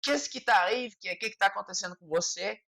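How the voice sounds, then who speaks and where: A woman's voice: medium pitch, brisk, creaky, a bit bright, rough recording. A Brazilian woman leads an online French lesson. She talks in a patient, explaining way and keeps checking in with a short "tá?" after each point. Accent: Brazilian Portuguese. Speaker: French teacher.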